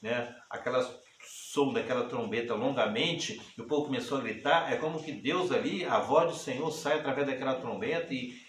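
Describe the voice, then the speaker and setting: A man's voice: mid-range voice, moderate pace, hardly any pauses, a bit bright. A man preaching a sermon as pastor, repeating words and asking the congregation questions, building to rising bursts. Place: church hall. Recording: echoey room with faint ambient noise.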